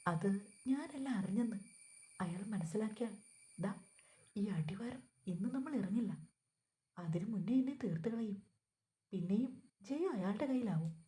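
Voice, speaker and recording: A woman reading the part of a calm, vengeful young man who speaks in a controlled, cutting way. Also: mid-range voice, normal speed, pauses often, lightly acted. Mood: coldly mocking.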